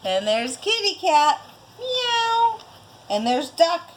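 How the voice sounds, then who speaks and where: A woman reading a picture book aloud to a toddler at home in slow, coaxing baby talk, drawing out the animal sounds. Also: a little high, lively intonation, slight background noise. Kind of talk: sing-song reading to a small child.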